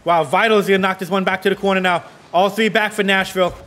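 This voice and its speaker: A man casting esports play-by-play, calling the action in rapid, excitable bursts and sounding out of breath. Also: high voice, slight background noise. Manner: rapid excitable calls, rising to yells on goals. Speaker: play-by-play caster.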